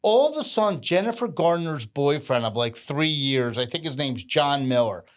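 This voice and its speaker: A man's voice: fairly high pitch, expressive, normal speed. A man co-hosting a podcast in casual chat, talkative and laughing as he tells stories. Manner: chatty, laughs while talking. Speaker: podcast co-host.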